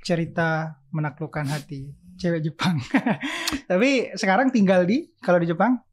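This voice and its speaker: A man's voice: high-pitched, normal speed. A man hosting a podcast interview, giving short affirming replies and asking friendly questions. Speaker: podcast host.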